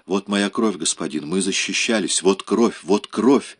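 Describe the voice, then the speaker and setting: A man's voice: low-pitched, measured pace, breathy edge. A man voicing an old male Germanic slave who is loyal and grim, read in an audiobook.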